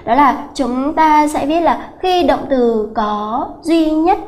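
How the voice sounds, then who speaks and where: High-voiced woman teaching grammar. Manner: slow, repetitive explaining with many filler "à" sounds. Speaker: English teacher. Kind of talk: exam-prep grammar lesson.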